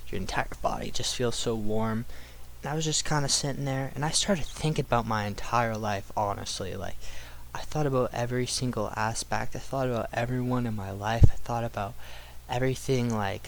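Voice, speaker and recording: A man's voice: medium pitch, creaky, a little hiss or hum. A young man telling a casual personal story in a rambling, slangy way with some swearing.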